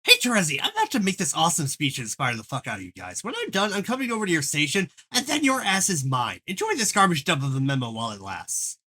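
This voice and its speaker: A performer voicing a loud, foul-mouthed, indignant troll leader with theatrical exasperation in an amateur comic dub. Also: medium pitch, sing-song, fast, hardly any pauses, breathy edge, heavily acted. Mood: bossy, irritated. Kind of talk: amateur group dub of a comic chat log.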